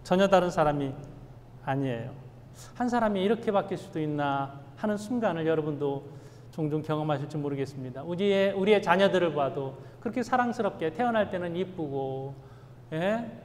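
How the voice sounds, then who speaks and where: A male pastor preaching an emphatic sermon in a church sanctuary, swinging between loud stresses and hushed asides. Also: on the high side, animated, normal speed, long reverb tail.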